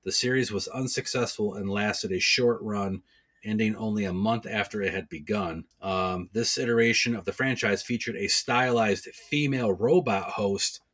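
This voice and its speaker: A man with a fairly low, bright and forceful voice chats casually as a podcast co-host. He gives recaps and reviews and slips in deadpan jokes. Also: moderate pace. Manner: deadpan joking, informative recaps. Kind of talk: casual chat, reviewing horror episodes.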